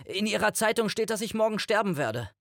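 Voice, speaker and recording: A frantic family man pleads in a strained, high voice, stammering and rushing his words, as a male narrator voices him. Recorded dry and close, with no room sound at all. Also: sing-song, creaky, a bit bright, no echo, heavily acted. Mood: panicked pleading. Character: desperate male protagonist, family man facing death.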